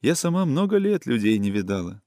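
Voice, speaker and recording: A man reading a storybook voices a gentle, wistful young woman who speaks in soft, caressing, sing-song folk speech. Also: mid-range voice, very animated, brisk, dry recording, studio quality, close to an everyday voice. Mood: tender.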